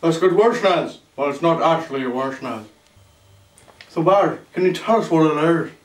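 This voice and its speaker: Parody quiz host , young male actor: cheesy rambler, slightly high voice, echoey distant mic. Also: expressive, moderate pace, lightly acted. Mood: showy. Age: young adult. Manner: showy, rambling, catchphrase-heavy. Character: bumbling, cheesy male veteran game show host. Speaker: game show host. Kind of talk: game show parody presenting. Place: small indoor room with makeshift set. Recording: echoey room, distant mic, music behind.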